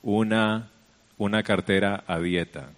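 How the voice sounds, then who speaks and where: A man's voice: lowish voice, steady tone, slow, in a large hall. A man preaching a sermon as pastor, rising when he reads scripture.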